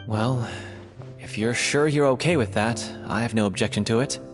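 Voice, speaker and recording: A man's voice: medium pitch, normal speed, natural voice. A man acting a businesslike, matter-of-fact troupe member in game dialogue. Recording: loud music behind the voice.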